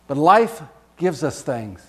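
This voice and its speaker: A man's voice: fairly high pitch, sing-song, slow pace. A male pastor giving a conversational sermon, reading scripture expressively and chuckling between points.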